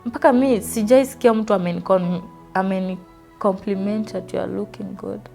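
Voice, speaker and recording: With faint music in the background, a Kenyan woman in her twenties from Western Kenya earnestly relates her life story in an interview, switching freely between English and Swahili. Her mid-range voice is steady and mellow, with vocal fry and a moderate pace.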